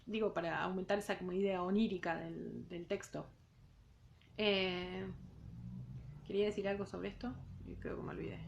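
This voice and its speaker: A woman with an Argentine accent, a literature teacher, reading a novel aloud in class and pausing to comment on it casually. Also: mid-range voice, fairly even intonation, gravelly, muffled recording, a little hiss or hum. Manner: reads in second person, breaks off for casual remarks.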